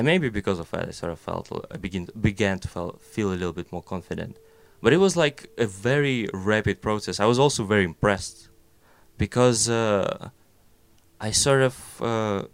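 In a dry recording, a young man with a Russian accent, appearing as an animator guest, speaks in a fairly low, smooth voice. His casual conversation rambles along with many fillers and self-deprecating humor.

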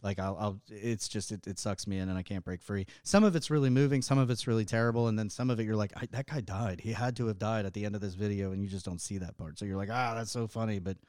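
A man, a pastor, chatting casually in a halting way, stumbling over words after recent dental work. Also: on the low side, a little mellow, clear, resonant tone, no room sound, clean studio sound. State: speech slightly impaired by recent dental work. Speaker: pastor and podcast co-host. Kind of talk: casual chat.

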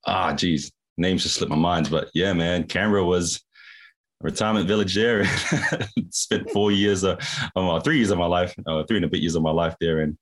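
Deep-voiced laid-back young man. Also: fairly even intonation, normal speed. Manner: laid-back slangy chatter with frequent laughs. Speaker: podcast guest. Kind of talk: casual storytelling.

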